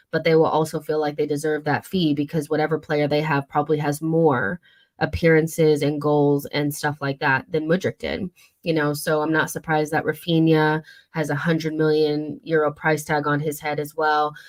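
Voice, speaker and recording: A young woman hosts a casual football livestream, her voice low and hoarse from a cold. She talks loosely, full of fillers, side remarks and quick restarts. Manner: chatty, many fillers and asides. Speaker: football channel host.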